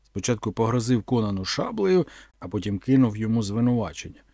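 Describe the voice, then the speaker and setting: A man narrating an adventure audiobook in an expressive, dramatic reading style. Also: on the low side, quick pace, dry recording, clean studio sound.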